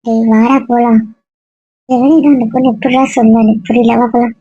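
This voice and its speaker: High-voiced teasing woman, lo-fi drama. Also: little pitch movement, a little fast, dark tone, breathy edge, dry recording. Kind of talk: amateur web series acting.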